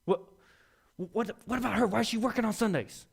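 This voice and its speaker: A young man delivers a sermon in a folksy, storytelling way. His voice sits a little high, and he acts out the voices of the people he talks about. He builds to loud, emphatic peaks. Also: brisk, vocal fry, breathy edge. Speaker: preacher.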